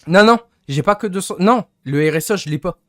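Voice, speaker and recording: A man's voice: high-pitched, lively intonation, brisk, no room sound, studio quality. A young man venting to his stream chat in a rambling, annoyed way, often searching for words. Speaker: livestreamer.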